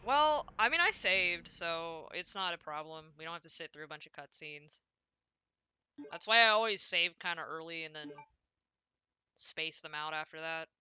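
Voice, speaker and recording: A woman's voice: low voice, expressive, moderate pace, sharp tone, clear, resonant tone. A woman streaming a horror game, chatting casually and reacting aloud as she plays, self-deprecating and talkative. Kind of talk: casual gameplay commentary.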